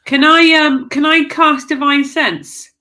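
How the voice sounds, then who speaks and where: Slow, bright-voiced hesitant woman. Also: high voice, steady tone. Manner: hesitant, giggly. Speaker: player. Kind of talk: casual tabletop game play.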